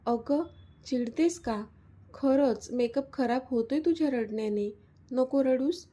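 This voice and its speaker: A woman's voice: high voice, slow, mellow. A woman voicing a playful young man who teases his partner, in a storybook reading. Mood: coaxing. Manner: teasing, coaxing. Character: teasing young man, playful then hurt lover.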